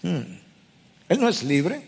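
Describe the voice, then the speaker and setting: Emphatic middle-aged preacher in a reverberant hall. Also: male voice, high-pitched, big pitch swings, slow, gravelly, a little mellow, slightly rough. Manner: emphatic preaching, reads and restates scripture verses. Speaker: pastor. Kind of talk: sermon.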